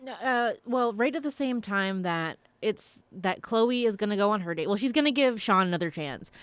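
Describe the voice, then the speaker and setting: A woman's voice: medium pitch, animated, normal speed, dry recording. A woman co-hosting a podcast in casual chat, talking freely and laughing between sentences. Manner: chatty, laughs while talking. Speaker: podcast co-host.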